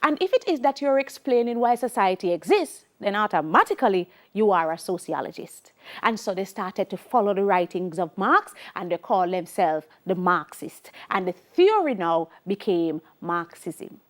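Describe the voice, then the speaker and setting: Lively Jamaican woman teaching sociology. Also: mid-range voice, moderate pace. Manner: emphatic, repeats key points, switches into Jamaican Creole. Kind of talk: televised classroom lesson.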